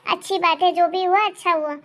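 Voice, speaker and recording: A woman's voice: very high voice, fairly even intonation, a little fast, a bit bright. A woman voicing a scheming, bossy elder daughter-in-law in a cartoon, talking in a scornful way. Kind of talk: cartoon voice acting.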